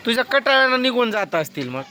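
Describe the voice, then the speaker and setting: A man's voice: very high-pitched, big pitch swings, quick pace, sharp tone. A man filming a vlog who keeps pressing questions and scolds in a casual family chat. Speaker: vlogger.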